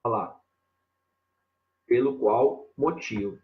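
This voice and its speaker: A man teaching grammar in a live online lesson, talking slowly and repeating himself as he points things out on a board. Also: mid-range voice, muffled recording, a little hiss or hum. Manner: slow and repetitive, constantly saying "ó" and "olha lá" while writing on a board.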